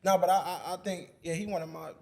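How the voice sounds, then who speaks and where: A man appearing as a podcast guest, chatting in a relaxed, rambling way with many fillers. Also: sits high, fast, creaky. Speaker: guest, music producer. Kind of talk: casual podcast chat.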